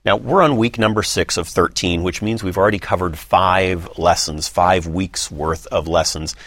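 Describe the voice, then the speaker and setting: A man's voice: low voice, normal speed, a bit bright, no echo. A man hosting a Bible study program, friendly and conversational as he introduces the lesson and his guest and leads a prayer. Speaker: host.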